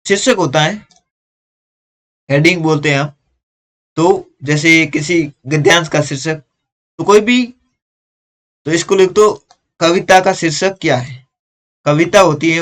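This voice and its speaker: Man, teacher, higher voice, patient step-by-step workbook explanation. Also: moderate pace, long pauses, fairly bright tone. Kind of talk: workbook lesson walkthrough.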